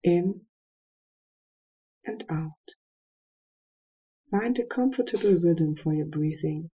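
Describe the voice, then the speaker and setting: A woman leading a guided meditation, giving soft, calm instructions with long pauses. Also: fairly low pitch, slightly rough, highs cut off.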